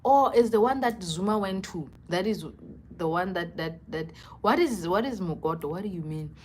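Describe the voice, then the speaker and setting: A woman's voice: lowish voice, normal speed, slight background noise. A young woman with a South African accent chatting casually and expressively on a livestream, slipping between English and local languages. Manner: expressive, conversational. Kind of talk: casual live chat.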